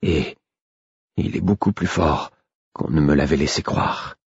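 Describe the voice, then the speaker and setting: A man doing a tired mage who stays calm under pressure. His voice is low, soft and husky, dropping lower as he goes on. It sits close and dry, with a slightly dull sound. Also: slow pace, no room sound, exaggerated voice. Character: calm, weary male mage.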